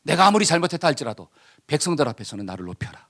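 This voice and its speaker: A man's voice: fairly high pitch, big pitch swings, racing, a bit bright, heavily acted. A man voicing a haughty proud king. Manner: arrogant, self-important. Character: proud, haughty male king demanding honor.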